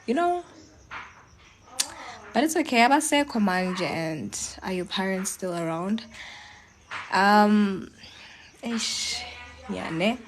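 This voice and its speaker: A woman's voice: medium pitch, animated, slow, long pauses, a little hiss or hum. A young South African woman chatting casually with viewers during a live stream from home, encouraging and mixing languages. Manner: chatty, switches between English and local languages, encouraging.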